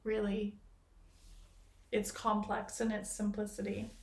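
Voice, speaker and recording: A woman's voice: medium pitch, completely flat delivery, slow. A woman hosting a podcast, musing in reflective spiritual chat and playing on the meanings of words. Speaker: podcast host. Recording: echoey room.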